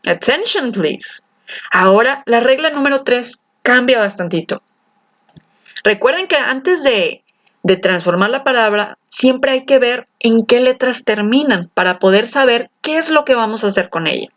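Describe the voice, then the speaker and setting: A woman teaching an English grammar lesson, lively and coaxing, asking her students questions and stretching out key words. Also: on the high side, moderate pace. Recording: slightly dull lo-fi sound.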